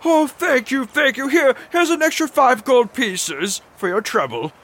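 A man's voice: very high-pitched, lively intonation, a little slow, a bit bright, voice pushed up, exaggerated voice. A man voicing an overjoyed young male adventurer in a tabletop game, gushing and squealing his thanks.

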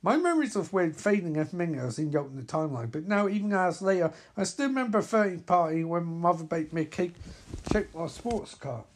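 A man voicing an anxious young male speedster hero in a casual comic read-aloud, talking in a rushed, earnest way. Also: fairly high pitch, expressive.

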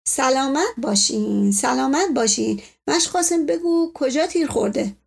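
A woman's voice: sits high, lively intonation, vocal fry. A woman doing a courteous old doctor. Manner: slow, courteous, repeats pleasantries. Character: polite old male doctor, calm and formal.

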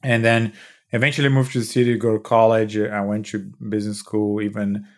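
Speaking fairly quickly in a low, slightly mellow voice with a level tone, a Brazilian man in his thirties gives long explanations in a podcast interview. He's a startup founder and CEO with a Brazilian Portuguese accent, and he frequently restarts his sentences and says "you know."

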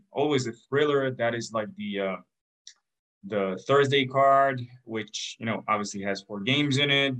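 A man's voice: medium pitch, fairly bright tone, rough recording. A man hosting a basketball podcast, chatting casually and joking as he runs through lists of teams. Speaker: podcast host. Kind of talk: casual sports chat.

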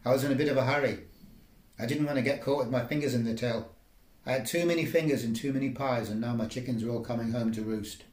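A man's voice: mid-range voice, fast, a little mellow. A man reading surreal micro-fiction aloud in a wry, rambling, dreamlike way. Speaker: storyteller. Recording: roomy echo.

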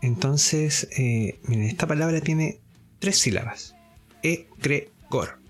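A man giving a spoken lesson, explaining step by step, often pausing on fillers, repeating himself and checking that listeners follow. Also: a little high, faint music behind. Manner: deliberate, explaining step by step with frequent checks for understanding; hesitant fillers and self-repeats. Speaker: course teacher.

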